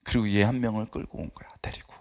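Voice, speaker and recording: Male pastor, middle-aged, lively pitch, sermon storyteller who dips into whispers. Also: moderate pace. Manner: animated storytelling, acts out dialogue, drops to whispers. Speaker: pastor and seminary professor. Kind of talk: dawn service sermon.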